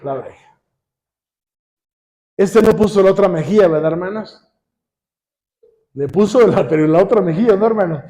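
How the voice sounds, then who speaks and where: A man with a Mexican accent preaching a sermon, constantly asking the congregation questions and pausing for them to finish his sentences. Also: high-pitched, animated, mellow. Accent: Mexican Spanish. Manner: calls on the congregation with repeated questions.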